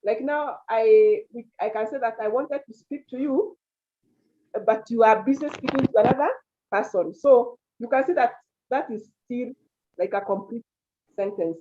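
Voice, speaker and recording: A woman's voice: fairly high pitch, normal speed, mellow. A woman teaching grammar in an online class. She calls on students by name and repeats their answers back to them. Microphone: video call. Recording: dull lo-fi video call audio.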